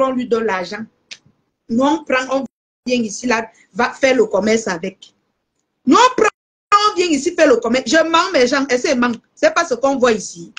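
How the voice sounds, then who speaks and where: A young Cameroonian woman with a Cameroonian French accent, selling goods on a live stream and chatting warmly to her viewers. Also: high-pitched. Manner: lively, addresses viewers as aunties. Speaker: live seller. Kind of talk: casual live-stream sales chat.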